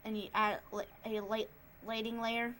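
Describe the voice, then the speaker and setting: A woman narrating an improvised tutorial in a casual, subdued and somewhat monotone way. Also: fairly high pitch, normal speed, a little hiss or hum. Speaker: tutorial host, digital artist.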